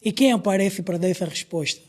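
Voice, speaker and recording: A man speaks in a measured way as a psychologist on a casual podcast. His voice is high for a man, yet dark and mellow in tone. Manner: measured, with soft affirming murmurs. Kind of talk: casual conversation.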